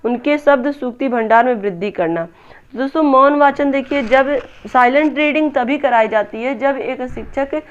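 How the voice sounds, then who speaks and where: Woman tutor going thru exam answers, kinda high smooth voice, slightly muffled lo-fi audio. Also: moderate pace. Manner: repeats "दोस्तों", asks and answers own questions. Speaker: teacher exam-prep tutor. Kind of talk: explaining exam answers step by step.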